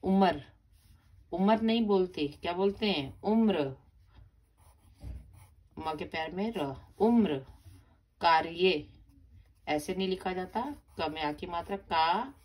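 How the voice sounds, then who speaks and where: A woman's voice: lowish voice, unhurried, darkish tone. A woman teaching a grammar lesson to young children, patiently spelling out words syllable by syllable. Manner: repeats and stresses each word for children. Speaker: primary school teacher.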